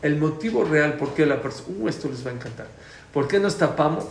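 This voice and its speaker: A man's voice: on the high side, a little fast, gravelly. A man teaching a prayer class, explaining points and quizzing his students. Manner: lively, asks the class questions, repeats key points loudly. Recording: echoey room, faint background noise.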